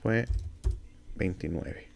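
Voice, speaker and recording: A man with a Mexican Spanish accent teaching a software tutorial as a university instructor, explaining each step aloud with fillers and self-corrections. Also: drawn-out words. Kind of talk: screen-recorded software tutorial.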